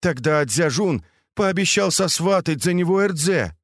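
Narrator doing a scared servant guy begging, high and shaky, dry close mic. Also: lively intonation, a little slow, dry recording. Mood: nervous. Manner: pleading, timid. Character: terrified male servant, pleading and cringing.

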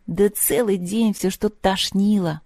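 A woman's voice: medium pitch, fairly even intonation, unhurried, dark tone, no echo, studio quality. A woman reading aloud, voicing tired children who complain in a raised, plaintive tone. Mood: whiny. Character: sickly complaining children after an outing.

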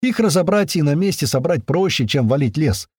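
Brief: narrator as an unhurried commander, husky and dry. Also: male voice, a little high, no room sound, pitched above the performer's own voice. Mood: explaining. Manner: calm, matter-of-fact. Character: calm male commander, practical.

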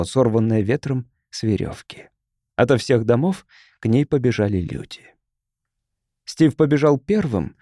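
A man giving an expressive, dramatic audiobook narration. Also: mid-range voice, no echo, studio quality.

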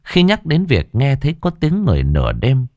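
A man's voice: medium pitch, wildly swooping pitch, fairly quick, darkish tone, no echo, studio quality. A man narrating a ghost story with a dramatic delivery.

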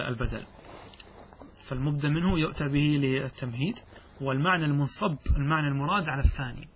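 A man's voice: a little high, a bit bright, a little hiss or hum. A man teaching a lesson on Arabic grammar, reading the text aloud and explaining it step by step, often putting questions to the class and answering them himself.

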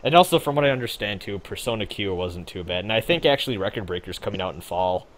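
A man's voice: fairly low pitch, expressive, fast talker. A young man co-hosting a gaming podcast, chatting casually in a rambling, laid-back way with frequent swearing and fillers. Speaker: podcast co-host.

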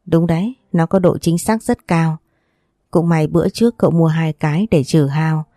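A woman's voice: low-pitched, moderate pace, no room sound, clean studio sound. A woman voicing a kind young mistress of a wealthy house, soothing and coaxing as she speaks. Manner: gentle, soothing, persuasive.

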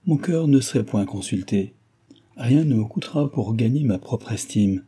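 A man's voice: mid-range voice, animated, moderate pace, dark tone, husky. A man reading aloud, voicing an earnest young woman who pleads her case in an old novel. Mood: pleading.

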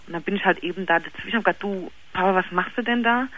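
A young woman in her twenties speaks on a telephone call to a late-night radio show. She talks haltingly, with frequent fillers and false starts. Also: medium pitch, a bit bright. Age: 20s. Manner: hesitant, halting, with many fillers and restarts. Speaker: caller.

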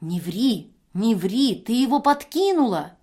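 A woman's voice: medium pitch, animated, normal speed, close to an everyday voice. A woman reader voicing a hardworking foster mother who speaks firmly and with command. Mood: indignant. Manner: firm, commanding.

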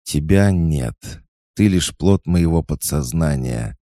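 A man's voice: rumbling low, expressive, slow, mellow, no room sound, studio quality, pitched above the performer's own voice, exaggerated voice. A man voicing a weary, frightened young empress who speaks in tense, clipped lines. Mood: defiant.

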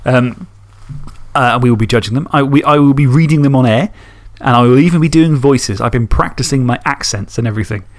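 A man's voice: mid-range voice, a little fast. A man co-hosting a podcast in casual, rambling, self-mocking chat. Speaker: podcast co-host.

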